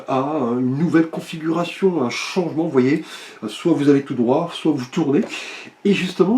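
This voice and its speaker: A man giving a weekly zodiac oracle card reading, speaking to viewers directly in a hesitant, gently reassuring way, with many filler sounds. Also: medium pitch, roomy sound. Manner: hesitant, full of filler sounds and tag questions.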